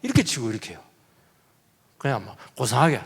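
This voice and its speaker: A man's voice: mid-range voice, wildly swooping pitch, quick pace, gravelly, slightly rough. A man, a pastor, preaching a sermon, with rhetorical questions and acted-out quotes. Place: church sanctuary. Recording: long church hall reverb.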